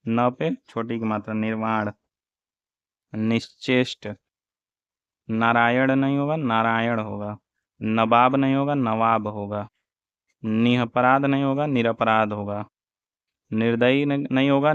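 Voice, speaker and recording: A man teaching Hindi spelling for an exam, slowly reciting wrong and correct forms one after another. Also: medium pitch, clean tone, no echo. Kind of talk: exam-prep spelling lesson. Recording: dull, dry lo-fi audio.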